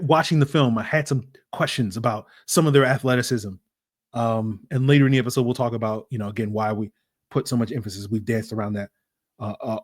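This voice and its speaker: A man hosting a football podcast, talking through draft prospects in a loose, conversational way with lots of fillers and restarts. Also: mid-range voice. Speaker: podcast host. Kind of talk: casual sports analysis podcast.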